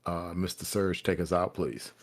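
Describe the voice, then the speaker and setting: A man's voice: sits low, fairly even intonation, moderate pace, no echo, studio quality. A man hosting a casual podcast chat, talking loosely and correcting himself as he goes. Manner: loose, rambling, corrects himself mid-sentence. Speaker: podcast host.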